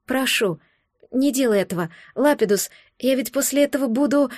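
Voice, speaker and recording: A woman voicing a frightened young woman in an audiobook, speaking quietly and tremblingly, barely above a whisper. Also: on the high side, measured pace, dry recording, clean studio sound. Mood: pleading.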